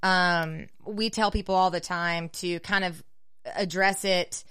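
A woman's voice: lowish voice, takes it slowly, clean tone. A woman realtor, co-hosting and telling client stories in a chatty way. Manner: chatty storyteller, animated when quoting clients. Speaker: realtor and co-host. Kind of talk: casual podcast chat.

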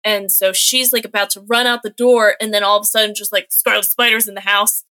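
A young woman in casual podcast chat, retelling a comic book story with lots of filler words and quick acted-out quotes. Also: mid-range voice, little pitch movement, bright, forceful tone, dry recording. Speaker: podcast co-host.

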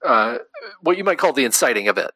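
A man co-hosting a casual podcast about comics, talking in animated quick bursts full of fillers. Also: mid-range voice, gravelly, slightly rough, dry recording. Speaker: podcast co-host. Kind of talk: casual chat.

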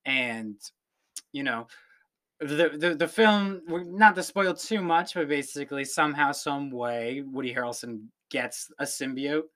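A man's voice: on the high side, unhurried, bright, forceful tone. A man co-hosting a casual film review podcast, joking around and often repeating words as he goes. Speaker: podcast co-host.

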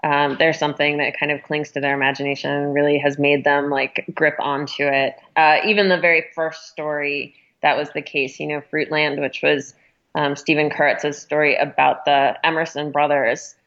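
Speaking at normal speed with a flat delivery, a woman with a very low but slightly bright voice appears as an interview guest. She talks through her editorial work thoughtfully and conversationally, and the sound comes across a little muffled and dull.

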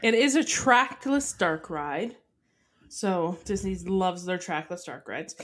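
A woman's voice: lowish voice, lively intonation, slow pace. A young woman from Canada co-hosting a podcast in casual chat, giggly and playful. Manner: chatty, giggly, playful with French words. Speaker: podcast co-host.

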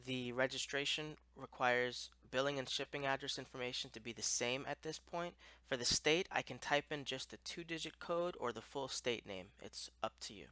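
A man explaining a piece of software step by step in a plain-spoken way, as an instructor. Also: medium pitch, normal speed, hardly any pauses, no echo.

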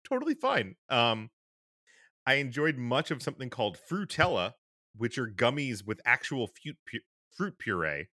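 A man's voice: medium pitch, big pitch swings, moderate pace, pushed and bright, no echo, clean studio sound. A man co-hosting a podcast in casual chat, rambling with fillers and restarts. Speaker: podcast co-host.

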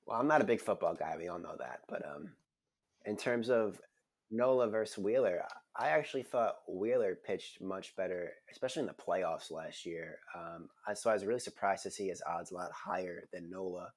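A man co-hosting a casual sports podcast, speaking in a laid-back, low-key way. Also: moderate pace. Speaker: podcast co-host.

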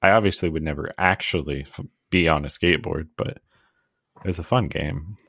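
A man with a very deep, low voice, talking in a relaxed podcast chat. He rambles good-naturedly, pokes fun at himself and breaks into laughter often. The sound is close and dry, with no room echo. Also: normal speed. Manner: chatty and self-deprecating, often laughing. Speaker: podcast co-host. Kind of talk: casual chat.

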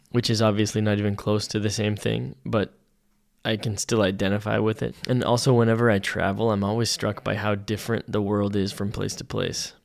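A man from Canada hosting a podcast, talking in a relaxed, reflective way. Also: on the low side, vocal fry. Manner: relaxed, reflective, talks through thoughts with fillers. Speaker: podcast host. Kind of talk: casual podcast interview.

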